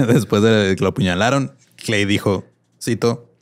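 A man's voice: fairly low pitch, a little slow, clear, resonant tone. Laid-back Mexican man telling history. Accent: Mexican Spanish. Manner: reads quotes aloud, laughs often, slangy asides. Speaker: podcast co-host telling a history story. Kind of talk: casual comedic history chat.

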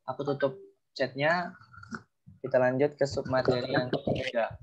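A man teaching an online language class, prompting students and explaining grammar in a relaxed, encouraging way. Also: mid-range voice, moderate pace, dull audio.

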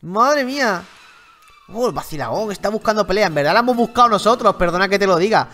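A man with a Spain Spanish accent commenting on his video game playthrough, excitable, with loud exclamations and slang. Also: high voice, quick pace, faint music behind. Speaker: gaming youtuber.

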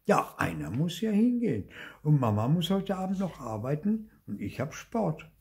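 A man's voice: fairly high pitch, big pitch swings, normal speed, creaky, a little mellow, voice pushed up. An older man voicing a playful father who teases his son with mock regret. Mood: teasing.

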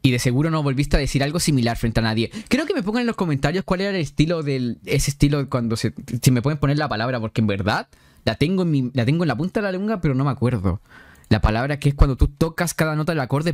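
A man's voice: on the high side, quick pace, dry recording, studio quality. A young man with a Chilean accent giving loose, slangy let's play commentary over a visual novel. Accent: Chilean Spanish. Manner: animated, slangy, rambling explanations. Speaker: game streamer.

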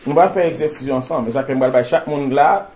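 A man with a Haitian accent teaching English grammar to a class, drilling phrases slowly for students to repeat. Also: mid-range voice, darkish tone, a little hiss or hum.

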